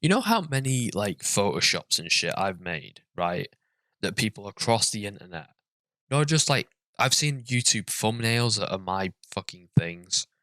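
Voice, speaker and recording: A man's voice: lowish voice, very animated, measured pace, fairly bright tone, no room sound. A man giving profane, sarcastic commentary as he reads a story and rants about it. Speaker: comedic reader and commentator.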